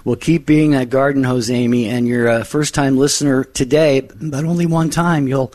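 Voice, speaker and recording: A man co-hosting a call-in radio show, speaking in a measured, reverent way about scripture. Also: mid-range voice, steady tone, a little mellow, no echo. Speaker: radio co-host.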